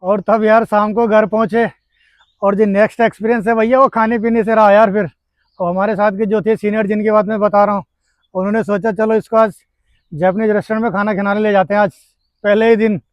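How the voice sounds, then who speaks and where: A man's voice: high-pitched, flat delivery, a little fast, no room sound, dull audio. A man from India telling a casual story to his viewers, chatty and laughing as he talks. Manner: chatty, laughing, addresses friends often. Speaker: vlogger. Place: Japan.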